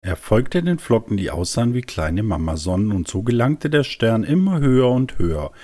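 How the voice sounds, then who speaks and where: A man reading a German children's bedtime story aloud in a gentle, soothing way. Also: fairly low pitch, sing-song, moderate pace, no echo.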